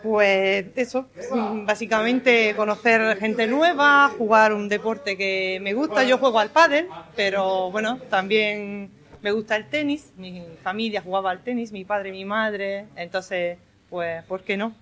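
A woman's voice: mid-range voice, a little slow, fairly bright tone. Cheerful Italian-accented woman. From Italy. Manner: cheerful, chatty, laughs often. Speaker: tennis league participant. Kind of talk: interview answer.

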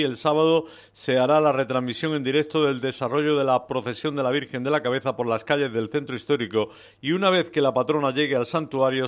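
A man presenting the local TV news, reading a formal announcement. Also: mid-range voice.

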